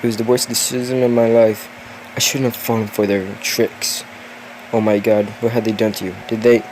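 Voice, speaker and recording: A man's voice: on the low side, little pitch movement, moderate pace, a little mellow, slight background noise, rough recording. A tired young man reading a spooky story aloud, yawning, with chatty asides and the odd curse. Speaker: story reader.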